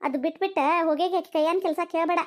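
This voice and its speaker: A rustic cartoon mother with a North Karnataka Kannada accent, worried about marrying off her daughter, voiced by a woman. She nags and lectures in a very high, thin voice. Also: fairly even intonation, racing. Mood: lecturing. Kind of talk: cartoon voice acting.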